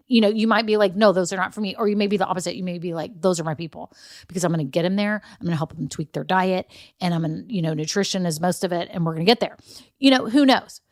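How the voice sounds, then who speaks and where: A woman's voice: fairly low pitch, no room sound, studio quality. A woman, hosting a casual solo podcast, chatty and encouraging with frequent asides. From Texas. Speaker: podcast host.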